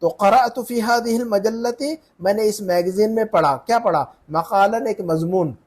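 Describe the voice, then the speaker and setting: A man teaching Arabic grammar in a one-on-one lesson, explaining slowly and repeatedly asking his student questions. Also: high voice, a little mellow. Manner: patient, repeats and quizzes the student.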